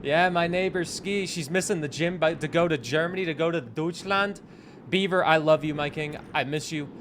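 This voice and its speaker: With slight background noise, a man from New England, United States, speaks at a moderate pace in a voice on the high side. In his twenties, he plays a game while chatting casually and animatedly with his live-stream chat, reading and answering it.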